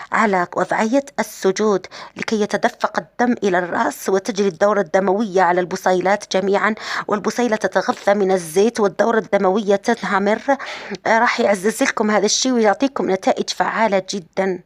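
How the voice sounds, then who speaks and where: A woman's voice: medium pitch, dry recording, clean studio sound. A woman from Algeria with an Algerian Arabic accent, hosting a casual at-home hair care tutorial and explaining each step, often repeating and rephrasing her points. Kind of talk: casual how-to demonstration.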